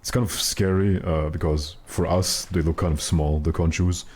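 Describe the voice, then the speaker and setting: A man with a very deep voice chatting casually with his stream viewers while gaming, in a joking, mock-serious way. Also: steady tone, normal speed, a little mellow, slightly rough. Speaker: live game streamer.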